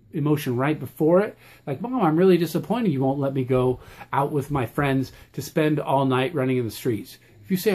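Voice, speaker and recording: Guy teaching anger management casually, kinda blunt, keeps saying okay?, voice on the higher side. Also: darkish tone. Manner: blunt and plain-spoken, ends points with a checking "okay?". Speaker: presenter teaching anger management and quizzing viewers. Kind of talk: casual instructional talk.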